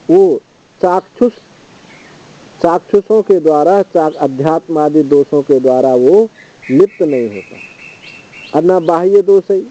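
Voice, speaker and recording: A man teaching as a swami, reciting Sanskrit verses and then explaining them in a measured, steady commentary. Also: a little high. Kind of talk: scripture study commentary. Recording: dull lo-fi recording.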